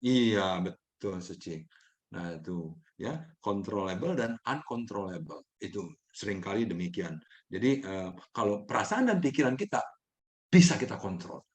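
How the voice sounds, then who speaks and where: Animated man teaching mindfulness casually. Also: normal speed. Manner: animated, jumps up high when acting out people; fillers and restarts, laughs often. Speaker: mindfulness session host.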